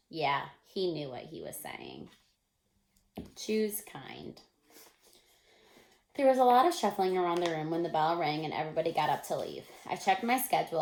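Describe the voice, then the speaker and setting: Brief: woman teacher reading aloud, relaxed, slightly low-pitched. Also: reverberant. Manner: casual asides and self-corrections.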